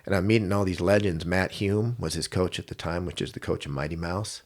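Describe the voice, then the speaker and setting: A man with a very low, deep voice tells a story as a guest on a podcast. He is a middle-aged coach from Washington state. He slips into other people's lines with sudden jumps in pitch. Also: fairly quick. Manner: animated storyteller, acts out quotes with big pitch jumps. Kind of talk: casual storytelling interview.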